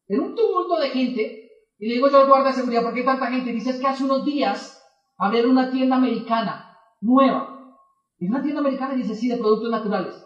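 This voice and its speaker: A man's voice: extremely high pitch, echoey room, distant mic, muffled recording. A man telling a personal story to an audience as a motivational speaker, acting out both sides of the conversations. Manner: animated, acts out both sides of dialogues.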